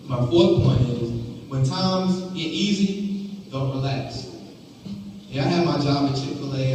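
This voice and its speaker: A man's voice: mid-range voice, mellow. A young man giving a motivational speech with personal stories in an informal, conversational way. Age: young adult. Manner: informal, conversational delivery with colloquial phrasing. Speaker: motivational speaker. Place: indoor auditorium stage, at a podium. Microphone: gooseneck podium mic, picked up by a distant camera. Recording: echoey hall, distant mic, faint noise.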